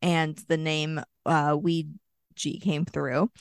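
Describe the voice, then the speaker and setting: Low-voiced chatty woman storyteller. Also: level tone, takes it slowly, clear, resonant tone, no room sound, studio quality. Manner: chatty, storytelling with many fillers and asides. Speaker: podcast co-host. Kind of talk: casual chat.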